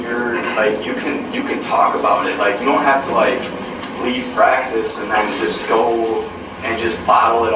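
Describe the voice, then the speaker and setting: Captured on a hidden recorder far across an indoor room, this medium-pitched young adult basketball player talks frankly to his college team at a meeting. His speech is halting, earnest, blunt and profane, and the covert recording sounds distant, echoey, noisy and muffled.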